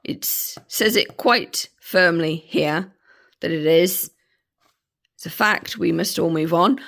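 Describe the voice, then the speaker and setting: Croaky woman with a cold. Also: on the low side, slow, a bit bright. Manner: chatty, dismissive asides. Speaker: book reviewer. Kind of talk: casual book review vlog.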